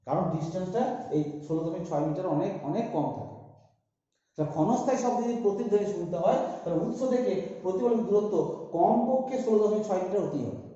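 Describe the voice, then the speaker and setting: A man's voice: sits high, warm tone. A man teaching a physics class, working through sums aloud and answering his own questions. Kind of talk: classroom lecture. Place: large echoey room. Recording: echoey hall, dull lo-fi sound.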